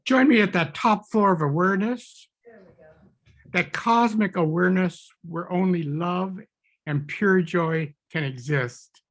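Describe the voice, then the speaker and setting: A man's voice: sits high, a little slow, fairly bright tone. A man who is a minister, leading a closing prayer in an earnest, flowing way.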